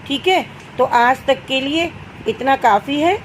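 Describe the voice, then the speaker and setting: Young female teacher, high pitch, patient question-and-answer style with children, faint background noise. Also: a little slow, low-quality recording. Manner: asks students questions and answers them herself; addresses students as "beta". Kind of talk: Hindi grammar lesson for children.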